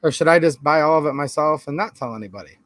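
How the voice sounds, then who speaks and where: Holding items up to the camera as he goes, the host of a firearms channel chats sarcastically and casually, frequently addressing his viewers as "guys." He has a Michigan accent and a slightly high voice, speaks quickly, and the recording is dry.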